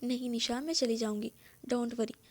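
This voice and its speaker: Woman doing a proud sharp-tongued young woman, high voice, storybook. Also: fairly even intonation, close to an everyday voice. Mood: plain.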